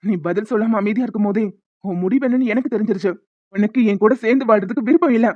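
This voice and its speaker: A young cartoon husband, hurt and quick to anger, as a voice actor plays him. He talks with raw, bitter force and sinks into soft remorse. The sound is dry and lo-fi. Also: high-pitched, no room sound. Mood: angry. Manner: shouting, bitter, then softly pleading. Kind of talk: Tamil cartoon voice acting. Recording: dull lo-fi sound.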